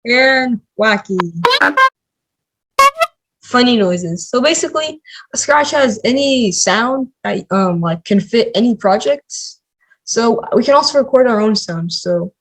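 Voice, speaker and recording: In a casual screen-recorded coding tutorial, a man talks in a chatty, filler-heavy way, saying "like" and "um" constantly. His voice is very high, expressive and fairly bright, with a slow pace, and the audio is poor.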